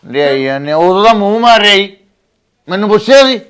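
A man's voice: high-pitched, lively intonation, a little fast, fairly bright tone, clear, resonant tone. Surly drunk young husband, as a man plays him. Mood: defiant. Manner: surly, defiant back-talk. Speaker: son and husband. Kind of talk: village family drama acting.

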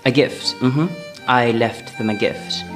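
A man's voice: mid-range voice, steady tone, natural voice. Guy doing snooty dramatic gossip lady, pompous comedy skit voice, music playing. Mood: haughty disdain. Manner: pompous, disdainful, drawn-out delivery. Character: haughty gossiping woman, posh and theatrical.

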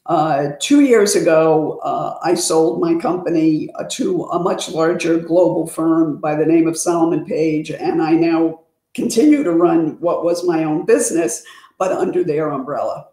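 A woman's voice: sits low, unhurried, dark tone. An older woman on a headset mic at home, talking measuredly with frequent fillers as a panelist on a video call. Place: home room indoors. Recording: roomy video call audio.

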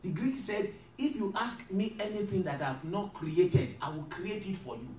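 A man pastor preaching a sermon, calling out to the congregation and building to shouts. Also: high voice, expressive, normal speed, slight background noise. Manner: call-and-response preaching, rising to shouts. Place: church hall. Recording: echoey hall, mic far off.

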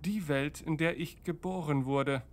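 A man doing Q, a hushed vengeful god. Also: unhurried. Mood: cold hushed. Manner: low, hushed, half-whispered. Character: godlike male entity, bitter and vengeful.

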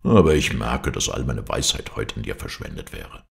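Male reader doing a grumbling wry friend, very deep gravelly voice, storybook reading. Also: very animated, moderate pace, exaggerated voice.

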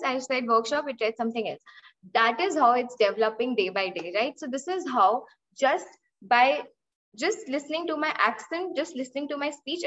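Over dull, lo-fi video-call audio from a laptop mic, a high-pitched, slightly bright young woman with an Indian English accent instructs a webinar on data analytics from an indoor room. She uses examples, asks her students questions, and frequently repeats or restarts phrases.

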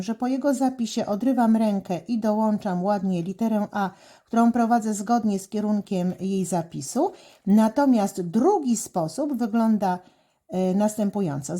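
A woman teaching children handwriting, explaining each stroke slowly and calmly, with frequent hesitation fillers. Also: fairly high pitch. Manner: calm, deliberate, many "e" fillers. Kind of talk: slow step-by-step instruction.

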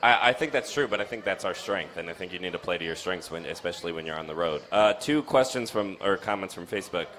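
A young man hosting a casual soccer post-game chat in a bar, talking with lots of restarts and jumps in pitch. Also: animated, quick pace, few pauses, a bit bright, a faint crowd. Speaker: soccer show host. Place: dim bar. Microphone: studio mic on stand with foam cover, headphones.

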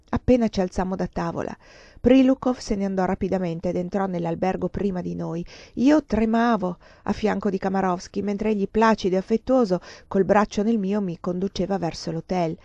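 A woman narrating a novel in the first person, with a measured, expressive reading. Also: on the low side, dry recording. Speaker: audiobook reader. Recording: dull lo-fi dry recording.

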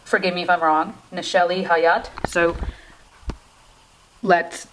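A woman's voice: lowish voice, level tone, takes it slowly, a little hiss or hum, rough recording. A young woman vlogger chatting casually at home, rambling and self-deprecating, with a melodramatic, pleading way of talking. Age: young adult. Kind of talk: casual chatty challenge vlog. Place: indoors in a room at home.

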